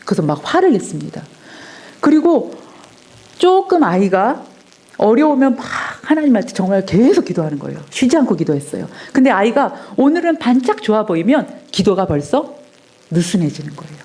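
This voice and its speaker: A middle-aged woman giving a personal testimony at a Sunday church service, telling her story earnestly and dropping her voice softly at tender moments. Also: medium pitch, big pitch swings, normal speed. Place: church sanctuary.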